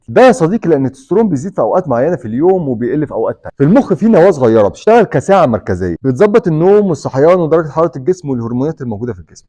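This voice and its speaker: A man's voice: fairly high pitch, dark tone. A young man with an Egyptian Arabic accent explaining health topics with jokes and banter, talking to the viewer like a buddy. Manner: jokey, addresses the viewer as a buddy. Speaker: health educator. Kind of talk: comic explainer skits.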